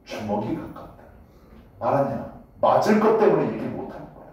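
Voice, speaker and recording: A man's voice: medium pitch, sing-song, fairly quick, darkish tone. Joking, foul-mouthed male teacher in an echoey room. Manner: blunt, joking, swears casually, keeps asking students "got it?". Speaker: high school English teacher. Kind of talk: casual classroom lecture. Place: classroom. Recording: echoey classroom from a distance.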